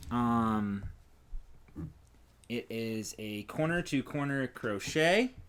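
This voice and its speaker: On a casual crafting podcast, a male co-host chats about crochet in a smooth, medium-pitched voice, drawing out his words. Relaxed as he shows off his blanket, he trails off and restarts often.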